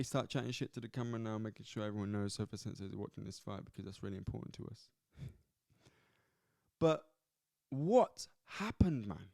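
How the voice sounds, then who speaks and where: Excitable man reviewing fights. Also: fairly low pitch, no echo, studio quality. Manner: animated, swearing, restless with repeated words. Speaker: podcast host. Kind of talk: solo sports review commentary. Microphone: camera at close angle.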